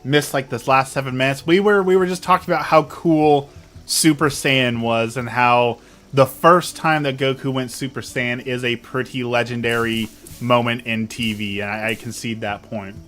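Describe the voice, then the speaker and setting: A young man streaming and chatting casually with his viewers, animated and self-mocking as he tells stories. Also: medium pitch, moderate pace. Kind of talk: casual chat with live chat.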